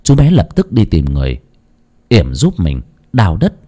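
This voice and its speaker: Expressive male audiobook storyteller. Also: sits low, normal speed. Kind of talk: audiobook narration of a ghost story.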